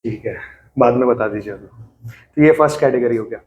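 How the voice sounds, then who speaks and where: Male class teacher, mid-pitched, chatty and questioning with listeners, in an echoey room. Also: fairly quick, darkish tone, muffled recording. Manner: conversational, mixes English into his talk, quizzes listeners. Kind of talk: interactive scripture class.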